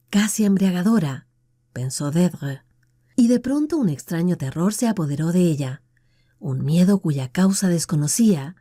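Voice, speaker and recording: A woman with a Latin American Spanish accent reading an audiobook in a measured, expressive storytelling manner. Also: on the low side, dry recording, clean studio sound. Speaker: audiobook narrator. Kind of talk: audiobook narration.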